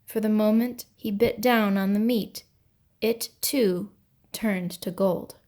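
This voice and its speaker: A woman reads an ancient myth as a storyteller. Her pace is very unhurried and her telling is grave and dramatic, with a mid-range pitch. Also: steady tone, dark tone. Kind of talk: scripted narration of an ancient myth.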